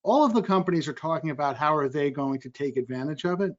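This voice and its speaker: A man speaking as an investor on a panel, energetic and quick, often cutting into his own sentences. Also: a little high, lo-fi sound. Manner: energetic, quick, self-interrupting. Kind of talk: panel discussion. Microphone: video call.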